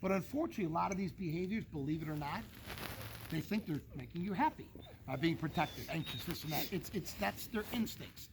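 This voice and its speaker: A dog trainer explains canine behavior to an owner in a casual, folksy way, leaning on everyday comparisons. His voice sits high for a man and has a rough, gravelly texture. It is recorded outdoors, with clear background noise and dogs nearby. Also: lively intonation, fairly quick. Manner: folksy, explains with homely analogies, checks in with "okay?".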